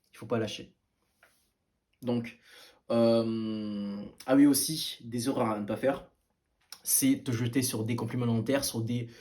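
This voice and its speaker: A man's voice: mid-range voice, darkish tone. Casual, hesitant man giving fitness tips. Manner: hesitant, many fillers and restarts, blunt and informal. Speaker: fitness video maker. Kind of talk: casual advice to camera.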